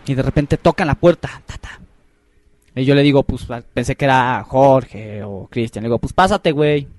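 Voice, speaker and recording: A man's voice: mid-range voice, moderate pace, dry recording. A young man telling a spooky personal story in casual, profane chat with friends on a podcast, acting out quotes as he goes. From Mexico. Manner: slangy, profane, animated retelling with voiced quotes. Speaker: podcast host.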